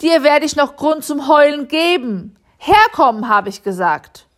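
Shrill, loud-mouthed mother, put on by a woman reading aloud, pitched high. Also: lively intonation, unhurried. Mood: angry scolding. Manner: shrill, raised voice. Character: loud scolding middle-aged mother, shrill.

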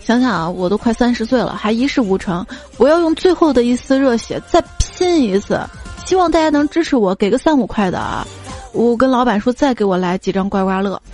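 A woman's voice: a little high, lively intonation, brisk. A woman hosting a comedy podcast, reading listener jokes in a chatty, playful way and acting out the quoted lines. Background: faint background music.

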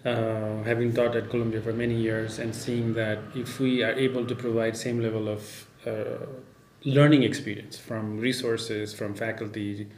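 A man from Nepal, a startup founder, speaking as a podcast guest in a measured way with many fillers. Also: on the low side, flat delivery, a little mellow. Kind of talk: casual interview. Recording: echoey room, faint background noise.

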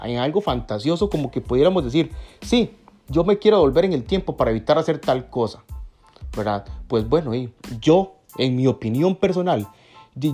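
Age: adult. Sex: man. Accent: Costa Rican. Style: reflective talk to viewers, conversational, with frequent "¿verdad?" tags. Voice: mellow, animated. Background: faint music. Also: medium pitch. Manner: conversational, keeps asking "¿verdad?". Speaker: vlogger. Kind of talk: reflective motivational monologue.

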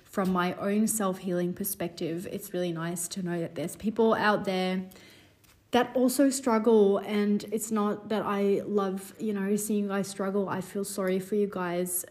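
A woman in her twenties hosts a casual solo podcast in a medium-pitched, steady voice at a measured pace. She's warm and earnest, rambling with plenty of "you know" fillers, and sounds a bit congested as she recovers from a cold.

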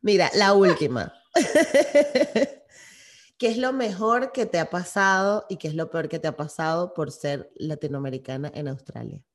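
A woman's voice: fairly low pitch, expressive, a little slow. Friendly woman asking questions. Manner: supportive, affirming, laughs often. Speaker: interviewer. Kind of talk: casual chat.

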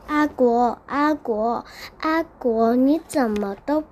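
A woman's voice: high voice, slow pace, darkish tone, slight background noise. A woman voicing a curious, kindly young child in a bedtime storybook, earnest and wondering.

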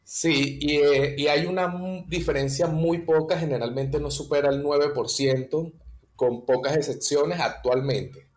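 A man's voice: fairly high pitch, fairly even intonation, measured pace. A man, a guest in an interview, patiently explaining economic terms step by step with examples. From Venezuela.

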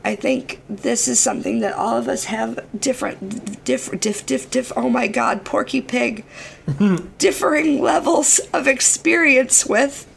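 Woman, hoarse worn-out voice, heavy creak, casual podcast hosting, rambling, playful, slight background noise. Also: on the high side, a little slow. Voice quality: hoarse, shot voice from overwork. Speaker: podcast host.

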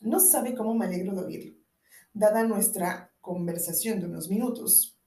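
A woman's voice: mid-range voice, moderate pace, vocal fry, warm tone, recorded from a distance, lightly acted. A woman reading a sleepy, cheeky young woman. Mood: teasing. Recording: roomy echo.

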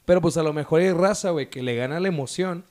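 A man with a northern Mexican accent and a hoarse voice, chatting casually and using heavy slang. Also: on the high side, quick pace, a little mellow. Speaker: podcast co-host.

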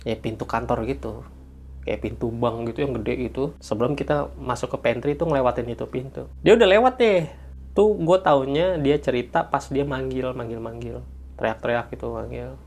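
A man's voice: medium pitch, moderate pace, darkish tone. A man, chatting as a guest who tells office ghost stories and acts out the sounds with little noises. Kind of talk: casual storytelling chat.

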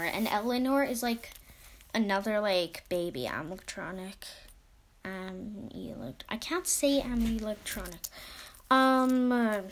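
Halting, slow-paced casual podcast host. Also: medium pitch, a bit bright. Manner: hesitant, halting, frequently trailing off mid-thought. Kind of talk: casual fan theory commentary.

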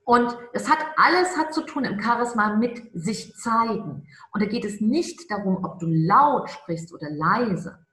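A woman speaks as a charisma coach in an interview, stressing her points and slowing down on the words that matter. Her voice sits at an ordinary pitch. The room gives her a noticeable echo. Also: lively intonation, a bit bright. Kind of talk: conversational interview.

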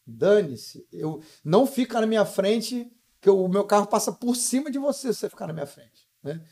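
A young Brazilian real estate broker, guesting on a podcast, tells stories casually in a blunt, slangy way and calls the listener "brother." He has a Brazilian Portuguese accent and a high, gravelly, dark-toned voice with lively intonation, talking a little fast.

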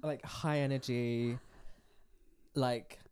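A woman co-hosting a casual chat, playful and teasing with animated turns. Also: a bass voice, very slow, smooth. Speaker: podcast co-host.

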